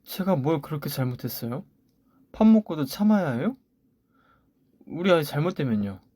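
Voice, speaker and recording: A hurt, indignant young pregnant wife pushes back in pleading, defiant bursts, voiced by a man. The sound is close and dry, in a middling pitch. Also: animated, moderate pace, darkish tone, no room sound, lightly acted. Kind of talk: story radio voice acting.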